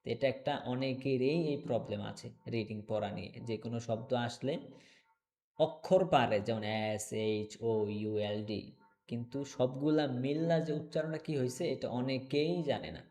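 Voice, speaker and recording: A man teaching English online, repeating words slowly and checking in often with his class. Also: medium pitch, a little mellow. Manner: slow, repetitive drilling of words, checks in with "okay?".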